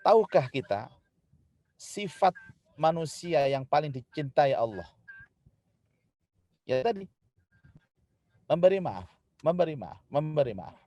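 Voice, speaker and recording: A man giving a lively Islamic sermon to an audience, swinging from loud emphatic lines to quiet ones and addressing the listeners directly. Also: on the high side, no echo. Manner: lively, rising loud when building a point, then dropping soft; addresses the audience directly, acts out spouses' quarrels. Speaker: preacher.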